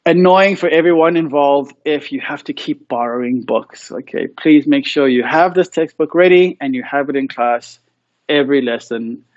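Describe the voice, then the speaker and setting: A young man from South Africa, a university English lecturer, introducing his course in a relaxed, friendly way with frequent ums. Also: fairly high pitch, no echo, muffled recording.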